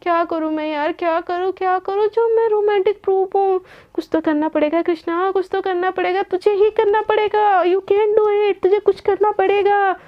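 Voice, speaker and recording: A woman's voice: very high-pitched, fairly quick, highs cut off. A woman doing a flustered pleading young wife. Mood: frustrated. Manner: pleading, apologetic, repeats words.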